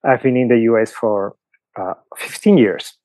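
A middle-aged Peruvian priest, a guest on a podcast, explains his views in a Peruvian Spanish accent, using lots of fillers and examples. His voice is mid-range and mellow at a normal speed, with slight background noise.

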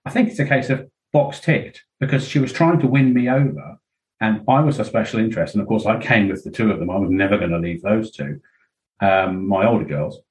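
Low-voiced man talking frankly. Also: brisk, a little mellow, low-quality recording. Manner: rambling, frank, with many "um"s and quoted asides. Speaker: interview guest. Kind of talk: candid podcast conversation.

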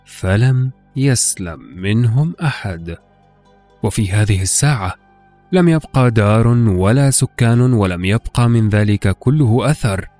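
Man, low voice, formal classical storytelling, scripted narration, music underneath. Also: lively intonation, measured pace, a little mellow. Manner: formal classical Arabic recitation, acting out dialogue. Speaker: podcast host and storyteller.

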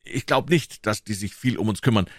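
Audiobook boy: a frightened lad whispering in the dark, pitched higher, read by a man. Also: fairly quick, no echo, clean studio sound, close to an everyday voice. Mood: scared whisper. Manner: hushed, nervous, higher-pitched boyish voice. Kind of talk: audiobook character voice.

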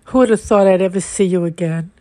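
A woman voicing a frail older man who is shaken and halting, speaking in a throaty voice in a dry recording. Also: fairly low pitch, mellow, no room sound, lightly acted. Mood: startled. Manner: startled, halting.

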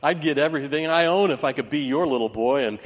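A man's voice: on the high side, close to an everyday voice. A man voicing a ragged little orphan boy who blurts out his words eagerly, in a sermon story with a long hall reverb. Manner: blurting and quick.

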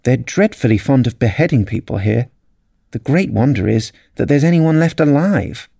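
A man's voice: mid-range voice, lively intonation, moderate pace, vocal fry, mellow, breathy edge, no echo, studio quality, pitched above the performer's own voice. A man reading aloud voices a polite, anxious young girl with a prim, complaining way of talking. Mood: fretful.

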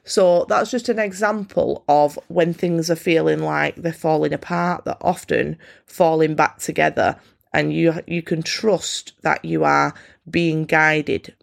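A woman hosting a solo self-help podcast, talking candidly and encouragingly in a croaky, froggy voice with a congested nose. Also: sits low. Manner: candid, informal, encouraging, swears freely. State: congested, snotty nose from a cold. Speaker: podcast host.

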